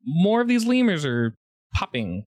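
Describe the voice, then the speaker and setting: A man's voice: sits high, a little slow, no echo. A man narrating a tabletop game as its game master. His voice swings up and down with lots of life, and the sound is dry and close. He laughs easily as he describes what the players find. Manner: animated, laughs often.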